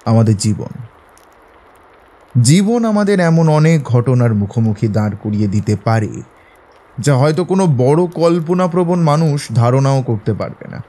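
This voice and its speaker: An actor playing Sherlock Holmes in an audio drama as an assured, philosophising gentleman detective, speaking in a measured, eloquent, lecturing way. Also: mid-range voice, lively intonation, lightly acted. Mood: musing, assured. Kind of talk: Bengali audio drama acting.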